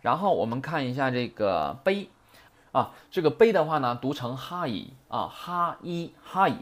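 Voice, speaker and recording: A man's voice: mid-range voice, big pitch swings, moderate pace. A man teaching Japanese grammar in a chatty lecture, often asking rhetorical questions. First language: Mandarin.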